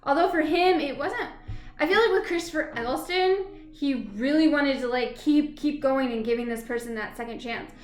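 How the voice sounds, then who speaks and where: A high-pitched woman chats loosely to camera, rambling and laughing as she goes. Her voice bounces around a noticeably echoey room, and faint music plays underneath. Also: normal speed. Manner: chatty, rambling, often laughs and hums filler syllables. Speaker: vlogger reviewing a TV episode. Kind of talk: casual rambling chat to camera.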